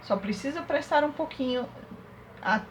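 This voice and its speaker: A woman teaching a young class remotely, working through exercises step by step and sounding out syllables slowly. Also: sits high, expressive, a little hiss or hum, rough recording. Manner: slow, syllable-by-syllable dictation. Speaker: primary school teacher.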